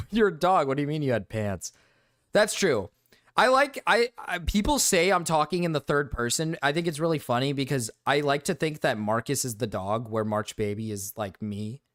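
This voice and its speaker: A man's voice: mid-range voice, moderate pace, no echo. Rambling streamer guy, dry sound. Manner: rambling, self-interrupting, laughs often. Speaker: live streamer. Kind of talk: casual stream chat.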